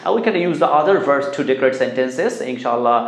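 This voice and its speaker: A man with a Bangladeshi accent teaching a spoken English lesson, pausing often with fillers and drilling simple sentences. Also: medium pitch, lively intonation, roomy sound. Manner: slow, hesitant with many fillers, repeating drill sentences. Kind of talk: classroom lesson mixing Bengali and English.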